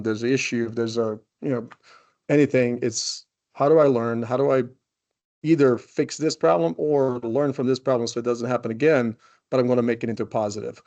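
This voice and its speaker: A man's voice: medium pitch, darkish tone. A man in his forties from Croatia, a guest in a casual interview, talking loosely with many "you know"s and restarts. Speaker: guest, company CEO.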